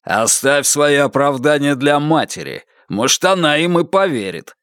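A man's voice: a little high, expressive, moderate pace, a bit bright, clear, resonant tone, no room sound, studio quality. A man voicing a brash, bullying man who blusters and threatens. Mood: scornful.

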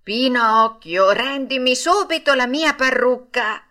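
A woman's voice: fairly high pitch, expressive, unhurried, pushed and bright, pitched above the performer's own voice. A woman voicing a fretful old male woodcarver who scolds in a raised, exclaiming voice. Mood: scolding.

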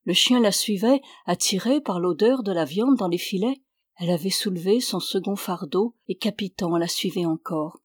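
A woman reading a novel aloud as an audiobook in a measured, even storytelling manner. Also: mid-range voice, slightly rough, no room sound, clean studio sound. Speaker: audiobook reader.

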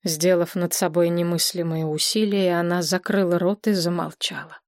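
A woman's voice: on the low side, fairly even intonation, moderate pace, no echo. Woman narrating an audiobook, dry.

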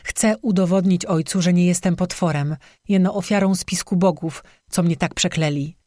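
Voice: medium pitch, fairly even intonation, moderate pace, a little mellow, no echo, lightly acted. An audiobook narrator voicing a young cursed strzyga woman who confesses bitterly through tears, recorded dry and close. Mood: tearful. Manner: bitter, tearful confession with sobbing.

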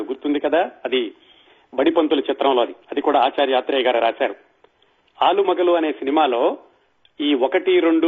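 A man hosting an audio talk show, slowly reciting film song lyrics and then explaining them. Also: fairly high pitch, husky. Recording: tinny phone-like audio.

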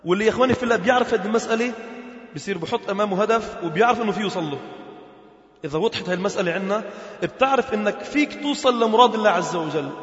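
Guy preaching, high voice, chants verses, echoey hall, kinda muffled. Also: racing. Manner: animated, shifts between formal Arabic and dialect, chants Quran verses. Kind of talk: sermon. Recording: roomy, echoey hall, dull lo-fi sound.

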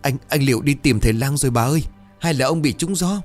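A man's voice: medium pitch, fast talker, darkish tone, faint music behind, pitched above the performer's own voice, lightly acted. A man voicing a young maidservant who speaks anxiously through sobs. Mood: tearful. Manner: sobbing, anxious.

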